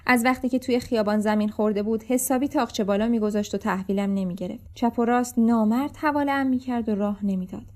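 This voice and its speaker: A woman narrating a children's storybook in the first person, with a lively, expressive delivery. Her voice sits fairly high yet sounds mellow and soft. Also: hardly any pauses.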